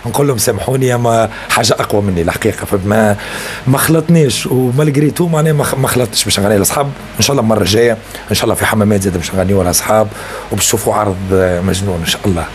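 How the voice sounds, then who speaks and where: A man's voice: lowish voice, rapid-fire, slight background noise. A young man with a Tunisian accent, a singer answering interview questions earnestly and often checking that he is understood. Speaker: singer and rapper.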